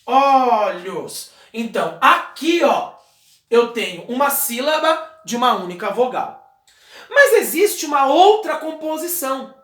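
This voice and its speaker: A man's voice: very high-pitched, very animated, a little slow, bright, forceful tone. A male teacher giving a recorded lesson, explaining step by step as he writes on a wall, patient and checking in with short questions. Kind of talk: video lesson, explaining while writing. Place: indoor room, writing on a wall. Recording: echoey room.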